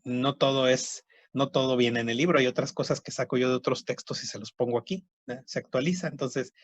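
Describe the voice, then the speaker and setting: A man's voice: mid-range voice, no echo, highs cut off. A man teaching a histology class online, explaining slides and repeating key terms while checking that students follow.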